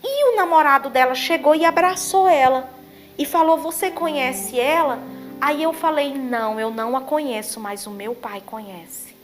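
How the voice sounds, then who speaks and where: A woman's voice: high voice, moderate pace, faint music behind. A Brazilian woman missionary preaching a testimony, telling her story with emotion and acting out the prayers and dialogue she quotes. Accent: Brazilian Portuguese.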